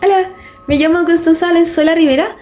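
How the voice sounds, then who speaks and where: A woman's voice: very high voice, fairly even intonation, quick pace, darkish tone, faint music behind. A young woman describing her activism steadily in an interview. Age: young adult. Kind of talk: interview testimony.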